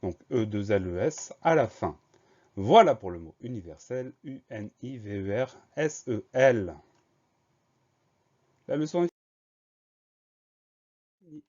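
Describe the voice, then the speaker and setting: A man with a lowish voice teaches a spelling lesson, patiently walking through each rule. He spells words out slowly, letter by letter. The recording sounds dull and lo-fi. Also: lively intonation, darkish tone.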